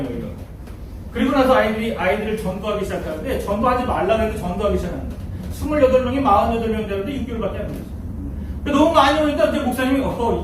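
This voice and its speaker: Very high-voiced man preaching in an echoey hall. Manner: animated storyteller who acts out scenes and laughs often. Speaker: pastor giving a seminary lecture. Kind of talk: storytelling sermon lecture. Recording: echoey hall from far off, faint noise.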